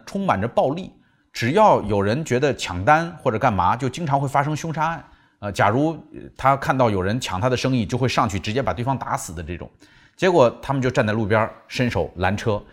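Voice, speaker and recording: Animated man retelling a book. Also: medium pitch. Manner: animated, acts out quotes. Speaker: book summary host. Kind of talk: storytelling book summary.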